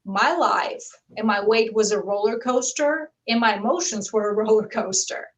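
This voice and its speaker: A woman's voice: medium pitch, normal speed, recorded from a distance, rough recording. A woman in her fifties from Bulgaria, telling her personal story earnestly as a talk-show guest over a video call. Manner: earnest, steady and heartfelt. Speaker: guest author.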